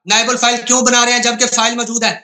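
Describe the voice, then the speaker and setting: A man's voice: very high-pitched, level tone, pushed and bright. A man debating on a video call, insistent and repetitive, often talking over his opponent. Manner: insistent, repeats himself, talks over opponent. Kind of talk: heated online debate.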